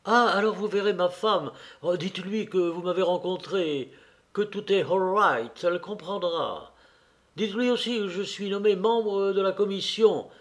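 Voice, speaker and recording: A man's voice: sits high, measured pace, voice pushed up. A man voicing a cheerful, talkative middle-aged nobleman who speaks eagerly and effusively in a read novel.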